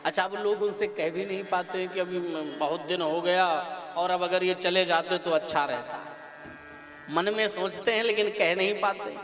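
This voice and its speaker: A man giving a sermon, telling a story lively and acting out its people with laughter. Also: high voice, moderate pace. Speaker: spiritual preacher. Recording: echoey hall with music behind.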